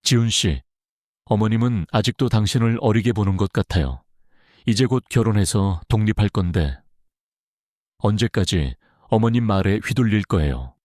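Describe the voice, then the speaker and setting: A man's voice: on the low side, lively intonation, normal speed, darkish tone, no echo, clean studio sound, close to an everyday voice. A man voicing a rude, sneering young woman who is about to marry, in an audiobook. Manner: sneering, blunt.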